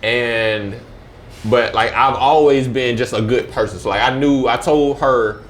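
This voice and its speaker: Young man from Georgia, podcast guest, fast slurred casual talk, mid-pitched, faint hiss behind. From Georgia, USA. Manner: fast, slurred speech with many fillers.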